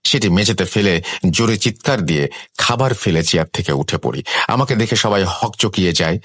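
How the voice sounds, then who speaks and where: A deep-voiced man narrates a spoken horror story in the first person, his pitch rising and falling widely as he builds suspense. The sound is close and dry, with no room echo. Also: moderate pace, breathy edge. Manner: expressive, suspenseful.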